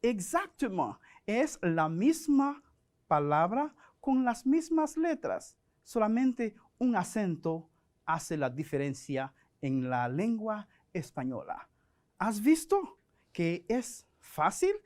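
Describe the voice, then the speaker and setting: Dominican man, French teacher, slow and deliberate delivery, animated intonation. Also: high voice. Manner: slow, deliberate, models pronunciation. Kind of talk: educational broadcast lesson.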